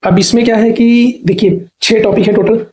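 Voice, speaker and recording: A man teaching a Hindi exam-prep class, asking a question and then answering it himself, repeating each answer and spelling words out slowly. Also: high-pitched, steady tone, a little mellow, slight background noise. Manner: drops "theek hai" checks between points.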